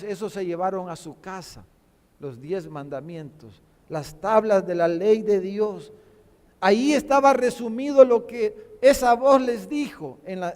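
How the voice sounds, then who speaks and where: A man's voice: sits high, darkish tone, long reverb tail. A man preaching a sermon to his congregation, often calling them brothers and repeating words as he builds a point. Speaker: pastor. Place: church sanctuary.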